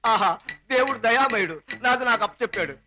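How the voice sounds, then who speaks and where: A man's voice: very high voice, animated, fast. A man playing a policeman who is always close to tears, in a whiny, complaining manner. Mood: relieved. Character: weepy male policeman, always near tears. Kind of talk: comic film acting. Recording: noisy old film audio.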